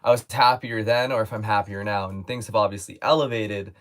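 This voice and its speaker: Answering viewer questions in a relaxed live chat, a male host talks fairly quickly in a lowish voice. His manner is easygoing and reflective, and he occasionally restarts a phrase while thinking.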